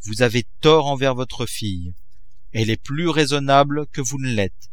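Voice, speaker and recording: A man voicing an ailing older mother who pleads slowly and wearily. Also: mid-range voice, lightly acted. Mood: pleading. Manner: slow, imploring, weary.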